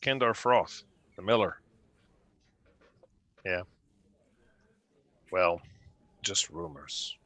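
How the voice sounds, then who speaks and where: A man's voice: low voice, expressive, drawn-out words, pauses often, fairly bright tone, no room sound, full character voice. A man voicing a polite, wary human innkeeper in a tabletop game, with courteous, slightly nervous speech. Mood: hushed.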